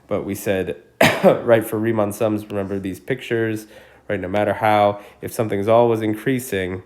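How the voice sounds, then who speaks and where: A man with a somewhat low voice walks through calculus problems in a screencast lesson. He talks casually, thinks out loud and checks in with his students, with a cough that keeps coming back. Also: steady tone, moderate pace. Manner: casual, thinks aloud with frequent "right?". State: coughing repeatedly. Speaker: math teacher. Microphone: screencast recording mic.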